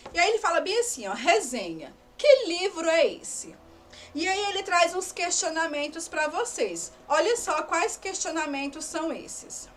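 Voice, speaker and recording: Lady teacher, lively up-and-down voice, patient, keeps asking the class "né? tá?". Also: high voice. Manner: patient, checks in often with "né?" and "tá?"; stretches out example words for the class. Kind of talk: recorded class lesson.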